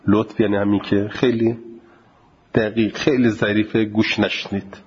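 A man teaching a class on grammar and recitation. He reads passages slowly, then explains them quickly in casual speech. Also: on the low side, flat delivery, slightly rough. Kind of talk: classroom lecture on Arabic grammar and Quran recitation. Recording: dull lo-fi lecture recording.

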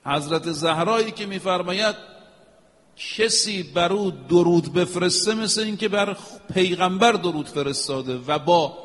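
A man's voice: high voice, a bit bright. A man preaching a religious sermon, emphatic and rhythmic, chanting Arabic phrases now and then. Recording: long echo of a hall.

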